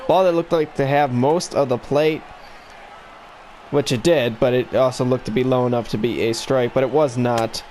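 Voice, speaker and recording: A man's voice: mid-range voice, moderate pace, a little hiss or hum. Man calling a baseball video game with hiccups. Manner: broadcaster-style play-by-play delivery, rising excitement on big plays. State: has the hiccups. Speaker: gaming YouTuber. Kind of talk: mock play-by-play baseball commentary over a video game.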